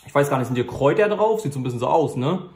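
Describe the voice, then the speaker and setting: A man's voice: mid-range voice, lively intonation, rapid-fire, a little mellow. A man hosting a casual, unscripted food review in an informal, matter-of-fact way. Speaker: host of a food review channel. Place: indoor room. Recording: echoey, reverberant room.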